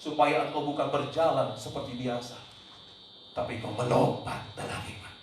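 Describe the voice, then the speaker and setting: A man preaching a sermon as pastor, emphatic, tossing in English words and sometimes shouting out quoted cries. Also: mid-range voice, steady tone, normal speed. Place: church hall. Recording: very echoey church hall, mic at a distance, faint noise.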